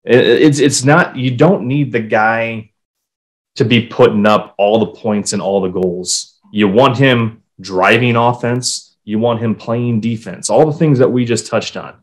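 This hockey podcast co-host has a medium-pitched voice and an unhurried delivery. He keeps the chat casual and animated, swearing and reading quotes aloud.

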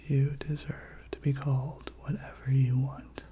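A person giving a whispered pep talk in soft, breathy ASMR style, repeating short encouraging phrases. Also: medium pitch, little pitch movement, measured pace.

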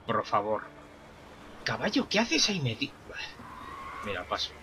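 A man commentating a video game play-through, excitable and swearing, talking back to what he sees on screen. His voice is bright and sharp at an ordinary middle pitch, with faint music underneath. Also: normal speed. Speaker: gaming streamer.

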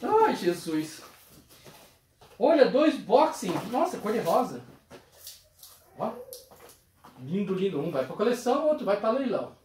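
A collector unboxing retro games in a casual vlog, exclaiming with excitement and reading item names aloud. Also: medium pitch, measured pace, long pauses, distant mic. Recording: roomy echo, voice away from mic, faint noise.

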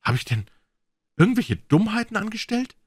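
A hoarse, shrill prisoner voice, frantic and bewildered, as a male reader puts him on. It climbs far above the reader's low voice and sounds close and dry. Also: very animated, moderate pace, dry recording, heavily acted. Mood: panicked.

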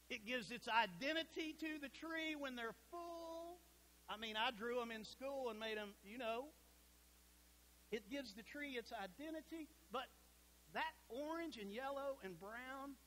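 A middle-aged man preaching a sermon in a church sanctuary, folksy and emphatic, dropping to a hush at points. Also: high-pitched, slight background noise, rough recording.

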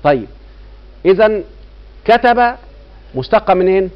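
Egyptian male grammar teacher, middle-aged, higher-pitched voice, keeps quizzing his class, dull lo-fi sound. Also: animated, a little slow. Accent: Egyptian Arabic. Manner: keeps quizzing students with rhetorical checks. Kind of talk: classroom lecture. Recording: dull lo-fi recording.

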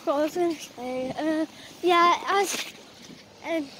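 Chatty high-voiced young girl vlogging. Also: takes it slowly. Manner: chatty and excitable, repeats "so basically, guys". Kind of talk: casual vlog chat. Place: outdoors on a street, walking. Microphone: handheld phone camera at arm's length. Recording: outdoor noise on a phone recording.

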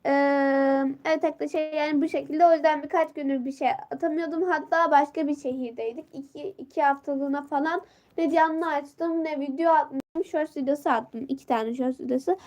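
Reading comments aloud and greeting viewers by name, a teenage girl hosts a relaxed phone live stream at a normal pace with a steady, slightly mellow tone. Her naturally high voice sounds worn and stuffy because of a sore throat and a blocked nose.

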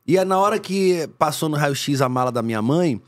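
Male podcast guest, slightly high voice, lively storyteller. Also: moderate pace. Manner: animated storyteller who acts out voices. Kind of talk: casual storytelling.

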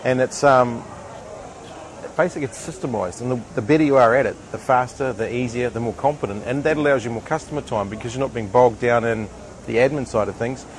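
A man in his fifties with a New Zealand accent talks quickly and confidently as a restaurant manager, upbeat and businesslike. He sits outdoors in a courtyard, picked up by a nearby camera mic. Street and traffic noise come through clearly behind him. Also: medium pitch. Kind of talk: promotional interview. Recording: noisy outdoor ambience with traffic.

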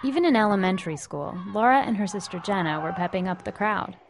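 A woman reporter reading a scripted television news narration in a measured storytelling way. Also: mid-range voice, expressive, creaky, a crowd in the background, background noise.

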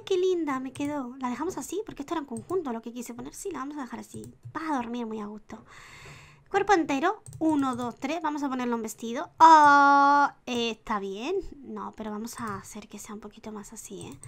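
A gaming YouTuber with a high, lively voice and a fast delivery casually commentates on Sims gameplay, counting aloud and sometimes dropping to a whisper. Her accent is from Spain, though she now and then slides into a put-on Argentine one.

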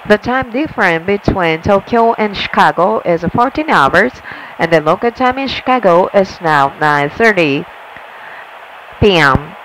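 A flight attendant, a woman, giving a polite, measured inflight announcement over the cabin PA. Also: medium pitch, lively intonation, noisy background. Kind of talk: formal bilingual inflight announcement. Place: airplane cabin.

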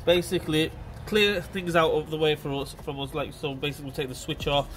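Filming on a phone held near the engine, a congested-sounding mechanic gives relaxed how-to commentary while fixing a car. He speaks fairly fast with a slightly high, bright voice and fairly even intonation, addressing everyone as "guys" in a chatty, informal way.

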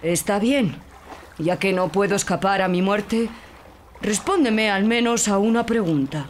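A storyteller voicing a poor, worried old fisherman in a fairy tale, speaking low and subdued over background music. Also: unhurried, slight background noise, natural voice. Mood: cautious. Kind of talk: storybook character voice.

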